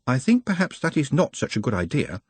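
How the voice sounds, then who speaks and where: A man's voice: mid-range voice, wildly swooping pitch, brisk, breathy edge, no echo, pitched above the performer's own voice. Man doing an anxious, formal young goblin. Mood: earnest, worried. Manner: formal and precise, stutters slightly.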